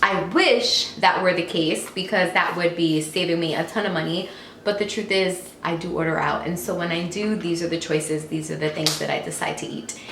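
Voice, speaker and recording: A woman vlogger chatting casually in her home kitchen, relaxed and often trailing off quietly. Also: fairly low pitch, normal speed. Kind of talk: casual chat. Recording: roomy kitchen echo, faint noise.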